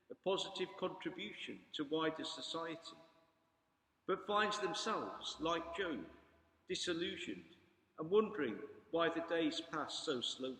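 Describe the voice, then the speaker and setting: A man giving a Gospel reading and homily as a priest, in a solemn, measured and formal pulpit manner. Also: sits high, a bit bright. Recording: echoey hall with long reverb.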